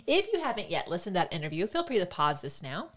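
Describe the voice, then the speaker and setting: A woman's voice: fairly low pitch, sing-song, quick pace, a bit bright. A woman co-hosting a podcast in casual banter, with playful, self-mocking asides and a chatty way of talking. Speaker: podcast co-host.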